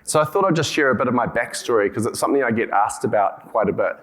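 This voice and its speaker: Male conference speaker, broad Kiwi accent, mid-pitched, informal and halting, with repeated words and restarts. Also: expressive, fairly bright tone. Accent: broad New Zealand (Kiwi). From New Zealand. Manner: hesitant, often repeating words and circling back with hedges. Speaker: conference speaker, company co-founder and CEO.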